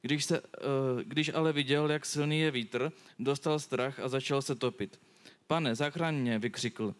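A man's voice: mid-range voice, steady tone. Young man, hesitant Bible reading and casual reflection, mid-range voice. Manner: hesitant, many fillers and self-corrections. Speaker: youth speaker sharing a Bible verse.

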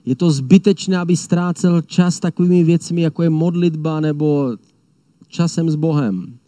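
A man voicing a menacing male lion who shouts discouraging taunts. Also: fairly high pitch, no echo, studio quality, pitched above the performer's own voice, lightly acted. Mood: taunting.

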